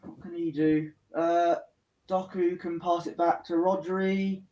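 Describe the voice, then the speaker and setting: High pitched guy co-hosting a match watchalong, fan reactions, urging the players on. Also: little pitch movement, takes it slowly, dark tone, muffled recording. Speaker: co-host of a live football watchalong. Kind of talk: live match commentary chat.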